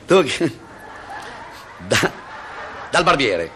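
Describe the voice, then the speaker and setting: Lively man telling jokes. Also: medium pitch, drawn-out words, slight background noise. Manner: laughing at his own jokes. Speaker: comedian.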